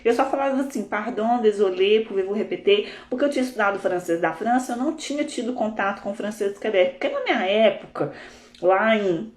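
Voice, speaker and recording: A Brazilian woman, a coach, telling a story in a live session in a lively, expressive way. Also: mid-range voice, fast. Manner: animated, expressive, laughs often. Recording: roomy echo.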